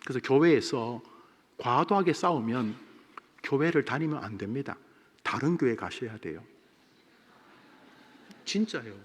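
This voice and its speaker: A man who is a senior pastor, preaching a sermon in a church, dramatic and ready to break into loud acted-out shouts. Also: mid-range voice, lively intonation, unhurried, long pauses, husky. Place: church sanctuary. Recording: long reverb of a church hall.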